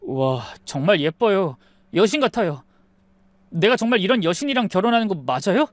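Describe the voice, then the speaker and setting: A woman's voice: mid-range voice, very animated, normal speed, no echo, lightly acted. A woman voicing an earnest young husband who speaks politely and pleads, in a dry recording.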